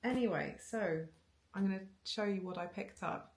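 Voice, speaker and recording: In a living room with bookshelves, a Welsh woman in her thirties talks knitting to a camera on a tripod facing her. Her voice is mid-range and a little mellow at a normal speed, and she rambles with ums, restarts and little laughs.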